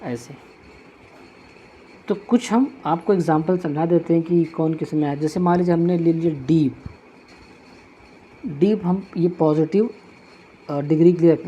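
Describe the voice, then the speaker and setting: A man's voice: a little high, moderate pace, pauses often, dark tone, breathy edge, highs cut off. A male teacher giving a classroom grammar lesson, patiently repeating each point as he writes it out on a board.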